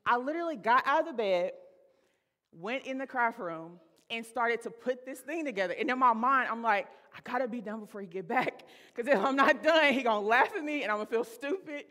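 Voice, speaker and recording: A woman's voice: on the high side, expressive, a little fast, sharp tone. A woman in her thirties preaching a sermon from a church stage, telling a personal story in a chatty, laughing way and calling the congregation y'all. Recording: reverberant sanctuary.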